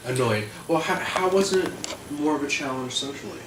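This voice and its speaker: In a casual chat, a male host with a fairly high, animated voice asks questions at a moderate pace, stuttering now and then. The recording is noisy and echoey, picked up by a distant mic.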